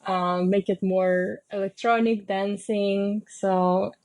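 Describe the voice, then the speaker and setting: A woman from Kazakhstan whose first language is Kazakh, a sound healer and musician, gives reflective answers as an interview guest. Her voice is slow, mellow, and medium-pitched with fairly even intonation, and her speech is halting, with many fillers and pauses.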